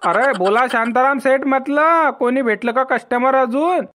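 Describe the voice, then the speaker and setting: A man's voice: very high voice, moderate pace, fairly bright tone. A man, voicing the brash, blustering characters of a village cartoon comedy.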